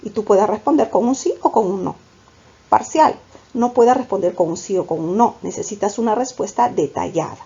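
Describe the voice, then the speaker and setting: A language teacher with a Peruvian Spanish accent and a slightly high, mellow, husky voice with vocal fry delivers a grammar lecture to students over dull audio. She refers to them as "chicos" and asks questions only to answer them herself.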